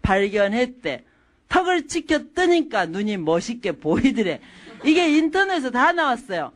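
This middle-aged woman addresses an audience at normal speed, teaching through tales of her own family. With a widely varying pitch, she brings every anecdote to life and performs the quoted lines of the people involved.

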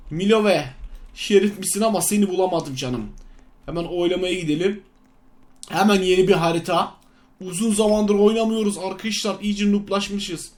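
Excitable man narrating a game. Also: sits high. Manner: excitable, swings between loud outbursts and sly muttering. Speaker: gaming YouTuber. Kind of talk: casual Let's Play commentary.

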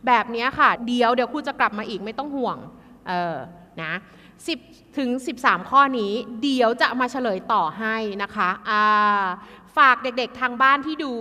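A woman tutoring an exam class in a lively, chatty way, addressing students like kids. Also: fairly high pitch, in a large hall.

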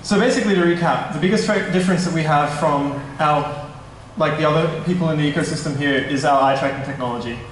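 Presenting for his tech startup at a conference-style meetup, a young man talks fast with few pauses in a fairly high voice. He's casual, slightly nervous, and keeps correcting himself. In the large, echoey indoor hall, a distant stand mic picks him up along with a little hiss or hum.

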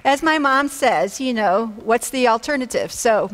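A woman pastor in her fifties preaching a sermon on a church stage through a headset mic, energetic and encouraging, calling out amens. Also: a little high, measured pace. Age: 50s. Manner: energetic and encouraging, with whooping shouts and amen calls.

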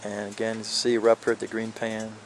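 An older man films a hiking vlog on a handheld camera along a windy mountain trail, narrating casually, rambling and joking with lots of fillers. His voice is on the low side, completely flat and fairly quick. There's a little hiss or hum.

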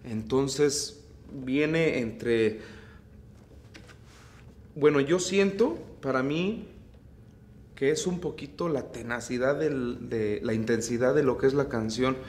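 A man with a Mexican accent, a mariachi singer teaching vocal technique in an unhurried, relaxed way. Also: medium pitch. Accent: Mexican Spanish. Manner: unhurried, explains phrasing, breaks into singing. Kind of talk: relaxed vocal tutorial with sung demonstrations.

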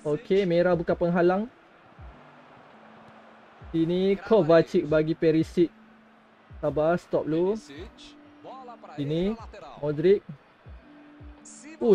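A man's voice: high-pitched, darkish tone, highs cut off. A young Malaysian man giving reactive live commentary as he plays a mobile football game, in short exclamations and muttered asides. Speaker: gaming streamer.

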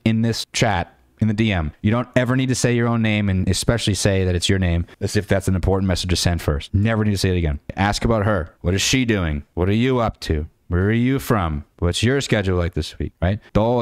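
A man's voice: on the low side, no echo. A man giving blunt dating coaching in a rambling monologue, full of fillers and restarts. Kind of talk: screen-share critique monologue.

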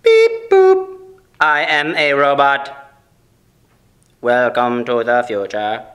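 A man's voice: mid-range voice, very animated, takes it slowly, a bit bright. A man voicing a male robot from the future in a stiff, mechanical robot voice, in a comedy sketch. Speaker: improv comedy performer.

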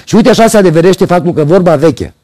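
High-pitched, expressive and mellow, this middle-aged man hosts a TV opinion segment. Seated at a studio desk with a lapel mic, he reads scripted commentary laced with sardonic irony. There's no echo on the audio.

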